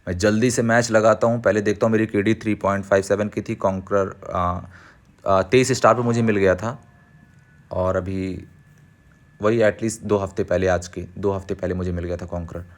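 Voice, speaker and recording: A man's voice: sits low, fairly even intonation, normal speed. A young man chatting casually over gameplay, sharing tips in an advice-giving way with frequent restarts. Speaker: mobile gaming creator.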